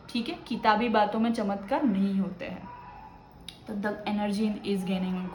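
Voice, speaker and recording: A woman's voice: a little high, echoey room, slight background noise. A woman doing a tarot reading, talking casually and giving advice, often checking in with the listener. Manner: chatty and advising, often tagging "ठीक है ना". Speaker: tarot reader.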